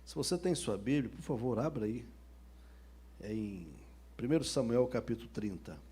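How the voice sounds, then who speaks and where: A pastor delivers a sermon full of colloquial jokes and stories. His voice is husky and mellow, and his pitch swings widely. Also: animated, moderate pace. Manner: humorous, colloquial storytelling.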